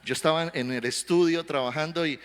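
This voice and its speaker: A male pastor preaching a sermon, telling stories animatedly and swelling into loud exhortation. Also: a little high, brisk, clean tone. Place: church sanctuary. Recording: reverberant hall with faint music.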